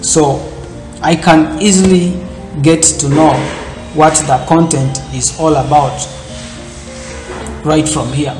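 Man, tech tutorial host, rambling filler-heavy explanation, fairly high voice, roomy echo, music underneath. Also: fairly even intonation, takes it slowly, long pauses. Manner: loose, repetitive phrasing with frequent fillers. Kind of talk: screen-recorded tech tutorial. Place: indoor room, seen in corner webcam.

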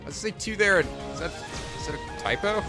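A man hosting a comedic let's play, talking in an animated, joking way and swearing often. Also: high-pitched, brisk, soft background music.

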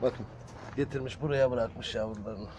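A man talking casually to viewers in a garden, gently coaxing cats. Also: medium pitch, moderate pace, slight background noise. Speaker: vlogger caring for stray kittens. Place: outdoor garden.

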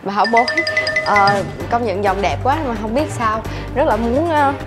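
A woman playing a flattering, scheming young wife. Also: on the high side, moderate pace, loud music behind the voice, close to an everyday voice. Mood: wheedling. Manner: wheedling, flattering.

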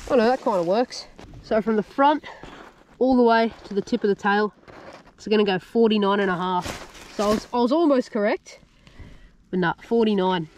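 A man's voice: high voice, normal speed, long pauses, a little hiss or hum. An Australian man recording a fishing vlog outdoors on a grassy shoreline, chatting upbeat and explaining his tackle and tips as he goes. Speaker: fishing vlogger. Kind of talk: casual to-camera fishing commentary.

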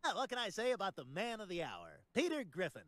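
A wisecracking cartoon guy at a roast, firing off mocking punchlines. His voice is high and lively, and the sound is dry and close. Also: fast talker, dry recording, heavily acted.

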